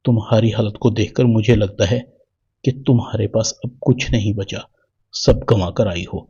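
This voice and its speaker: A man's voice: on the low side, dark tone, slightly rough, lo-fi sound. A man reading the lines of a young married woman in his own plain voice.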